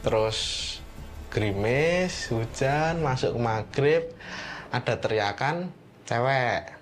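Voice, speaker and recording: A man's voice: medium pitch, expressive, slow, faint music behind. A man giving casual testimony to an interviewer, chatty and addressing him familiarly.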